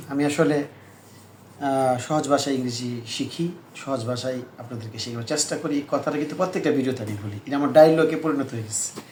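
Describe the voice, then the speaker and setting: A man with a Bangladeshi Bengali accent gives a slow, careful English lesson, saying each example phrase several times. His voice rings in an echoey room over a faint background hum. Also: medium pitch, darkish tone. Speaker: English teacher.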